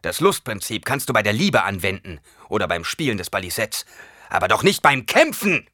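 A man voicing a stern, gruff male weapons master who scolds in a raised, forceful voice for a storybook reading. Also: lowish voice, lively intonation, a little fast, no echo, studio quality. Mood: stern, scolding.

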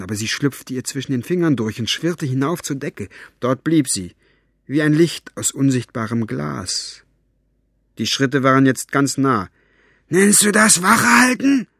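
A man reading a story aloud as narrator, with a lively, varied delivery. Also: mid-range voice, no echo, clean studio sound. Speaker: audiobook narrator. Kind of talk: expressive audiobook reading.

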